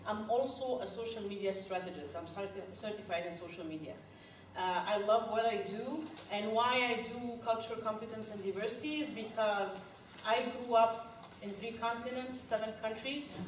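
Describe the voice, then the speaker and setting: Lively woman speaking to a workshop. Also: mid-range voice, normal speed, slight background noise. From Egypt. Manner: lively, laughing, quizzes the audience. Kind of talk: live workshop talk. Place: conference room. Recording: echoey room, recorded from far.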